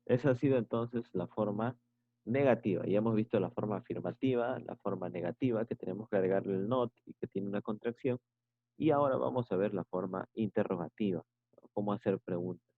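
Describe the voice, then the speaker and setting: A man's voice: fairly low pitch, a little fast, no echo. A male teacher giving an online English grammar lesson, explaining patiently and checking in with short tag questions. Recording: tinny phone-like sound.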